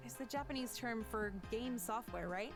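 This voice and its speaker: An actress playing a lively young woman gamer in a game who talks casually and bluntly. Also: on the high side, moderate pace, faint music behind, close to an everyday voice.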